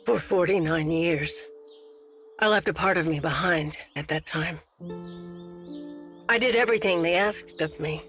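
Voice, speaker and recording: An actress playing a haunted older narrator who recalls a buried past in a solemn video game monologue. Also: female voice, lowish voice, a bit bright, soft background music. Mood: solemn, wistful. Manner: solemn, measured.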